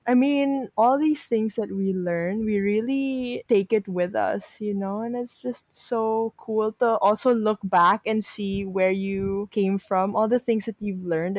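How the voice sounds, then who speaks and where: A woman's voice: medium pitch, no echo. A woman in casual conversation, talking in a reflective, chatty way.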